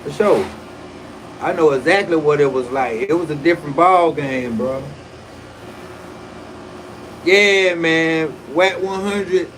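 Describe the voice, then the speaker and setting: A man in his forties rambling through a casual livestream, his voice sitting a little high for a man. He talks in loose, profane slang, often restarting his sentences mid-thought. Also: slow, long pauses, a bit bright, a little hiss or hum, poor audio. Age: 40s. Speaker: livestream host.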